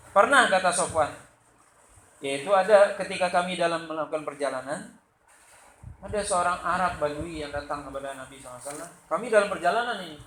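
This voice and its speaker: A man from Sumatra with a Sumatran Indonesian accent, giving a loud, lively religious lecture and acting out the quotes in his stories. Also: sits high. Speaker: religious teacher. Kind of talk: study-circle lecture. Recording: echoey room with faint background noise.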